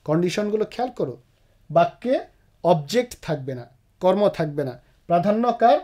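A man's voice: high-pitched, lively intonation, normal speed, dark tone. A man with a Bangladeshi Bengali accent teaching a grammar lesson, explaining step by step and speaking directly to his students. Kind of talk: classroom-style video lesson.

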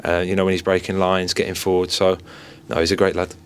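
A man's voice: low-pitched, flat delivery, fast, slight background noise. A young man in his twenties, a goalkeeper, giving a modest post-match interview into a cluster of handheld mics in an indoor press area. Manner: modest, repeats stock phrases. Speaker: football goalkeeper. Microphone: several handheld mics and phones held close.

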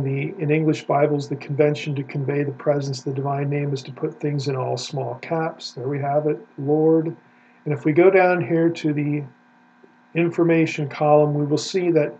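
Guy teaching hebrew off his screen, mellow husky voice, dull lo-fi sound with a faint hum. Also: on the high side. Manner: methodical, explanatory, points at the screen. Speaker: Bible scholar teaching Hebrew. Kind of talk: screen-share lecture.

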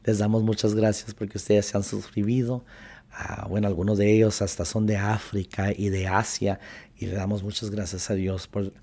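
Gravelly low-voiced man preaching. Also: flat delivery, normal speed, warm tone. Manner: fervent preaching, appeals to viewers. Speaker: pastor and show host. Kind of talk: sermon.

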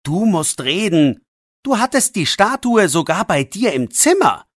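Defensive young teen boy narrator-voiced, slow delivery, dry. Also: medium pitch, very animated, no echo. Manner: defensive, pleading. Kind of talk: audiobook role voice.

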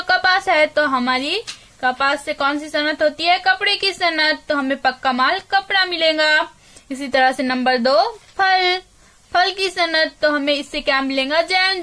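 A woman teacher with an Urdu-speaking Indian accent, reading a school lesson aloud slowly and clearly for young children. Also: sits high, bright, forceful tone. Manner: slow, clear dictation to children.

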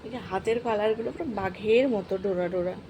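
A woman's voice: mid-range voice, fast talker, noisy background. A woman at home filming her cats on a phone, talking to them in a scolding, teasing way. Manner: scolding, teasing baby-talk to a cat. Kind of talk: casual talk to pet cats. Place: home indoors.

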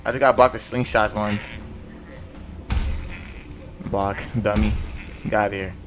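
With a fairly low pitch, a steady and fairly bright tone and a measured pace, a young gaming YouTuber mumbles slangy running commentary while he plays. A faint music bed sits under his casual gameplay talk.

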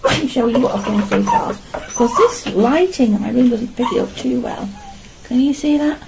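A middle-aged woman, an artist and vlogger, chats casually to herself and the camera while painting in her small indoor home studio. Her voice is on the high side, animated and creaky, at a normal speed. There is noise in the background.

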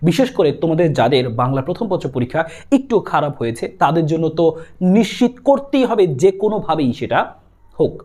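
A young man with a Bangladeshi Bengali accent, teaching an exam-prep grammar lesson in a quick, insistent way that keeps repeating the key points. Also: a little high, animated, a little mellow. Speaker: tutor.

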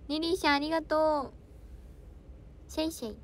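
A young woman idol hosts a casual solo livestream, chatting playfully with viewers and reading their comments. She speaks fairly quickly in a high voice, giggling and trying out foreign words and dialect phrases.

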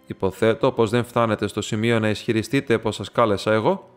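A man's voice: on the low side, steady tone, clear, resonant tone, faint music behind, lightly acted. Male reader doing a cranky old academic, curt and hostile, audiobook. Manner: harsh, hostile. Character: irascible old male professor.

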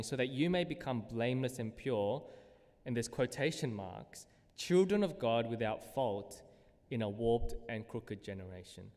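A man preaches to his congregation in a relaxed, conversational way, often breaking off with fillers. His voice sits at an ordinary middle pitch. The sound carries a long reverb from a church hall. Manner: conversational preaching with fillers, reads scripture aloud with rising emphasis. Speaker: pastor. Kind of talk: sermon.

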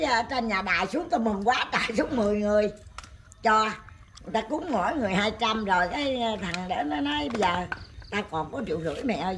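An older woman telling stories in casual chat, animated and exclaiming often. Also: on the high side. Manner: animated storyteller, laughing and exclaiming. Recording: noisy outdoor recording with animals.

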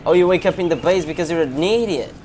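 A man's voice: fairly high pitch, quick pace, a little mellow, slight background noise. Young man swearing over game gunfire. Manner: swearing, reactive, talking to himself. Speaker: gamer streamer. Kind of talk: casual gameplay commentary. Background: gunshots and game ambience.

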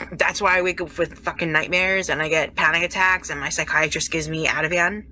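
A woman's voice: fairly even intonation, moderate pace, sharp tone, a little hiss or hum. Angry swearing woman ranting on a livestream. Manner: angry, heavy swearing, greets chatters by name; keeps her voice low. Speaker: livestream host.

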